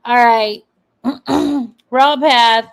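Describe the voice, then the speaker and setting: A woman commentator talks in an unhurried drawl, her voice sitting a little high. She is sarcastic and swears freely as she reacts to clips and comments. The sound is close and direct. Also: steady tone, smooth. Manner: profane and sarcastic. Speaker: online commentator.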